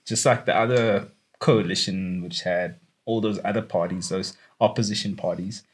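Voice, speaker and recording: A man's voice: sits low, fairly even intonation, normal speed, breathy edge. A young South African man co-hosting a podcast in loose, rambling casual chat, laughing often and calling his friend bro and dude. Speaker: podcast co-host.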